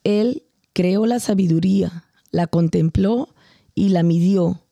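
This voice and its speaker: A woman reading a scripture passage in measured phrases, then joining the conversation. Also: fairly low pitch, creaky, dark tone, dry recording. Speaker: scripture reader and co-host.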